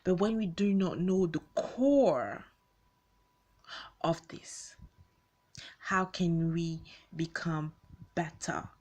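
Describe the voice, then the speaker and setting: A woman in her late twenties, born in Congo, raised in Belgium, and moved to the UK as a teenager, hosts a video with unscripted personal talk to her followers. She's conversational, often rephrasing and asking questions. Her voice is on the low side, a little mellow, with lively intonation, and she speaks extremely slowly with long pauses.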